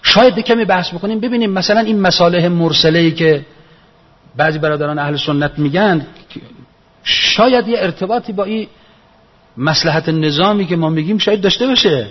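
A man's voice: high-pitched, breathy edge. A man giving a religious lecture in an earnest, reasoning manner, repeating his key phrases for emphasis. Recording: echoey hall, dull lo-fi sound.

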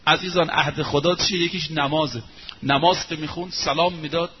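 A man's voice: fairly high pitch, steady tone. Emphatic male preacher telling a story. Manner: emphatic, drawing out quoted phrases slowly. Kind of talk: sermon storytelling. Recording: muffled lo-fi recording, faint hiss.

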